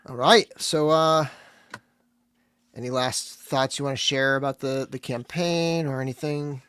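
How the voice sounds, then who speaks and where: A man's voice: mid-range voice, steady tone, unhurried, fairly bright tone, clear, resonant tone. A man hosting a casual livestream, chatting loosely and running a prize drawing over a call. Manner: chatty, runs a giveaway drawing. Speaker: livestream host.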